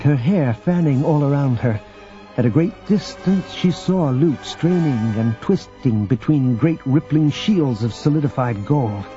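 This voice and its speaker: Mellow male audiobook narrator. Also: mid-range voice. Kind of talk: scripted narration. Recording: dull audio with faint background music.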